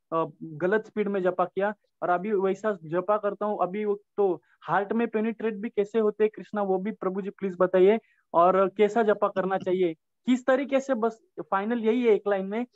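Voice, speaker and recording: A respectful man hesitantly asks his teacher a question over a call. His voice is high and sounds tinny, like a phone line, with a dry, close sound. He pauses with fillers as he searches for words. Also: no room sound. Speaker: participant asking a question. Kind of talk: devotional Q&A question.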